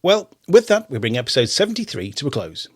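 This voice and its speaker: On a theatre podcast, a middle-aged male host chats casually in the style of a radio interview, often restarting on repeated words. His mid-range voice swings widely in pitch, moves at a quick pace, and has a slight roughness.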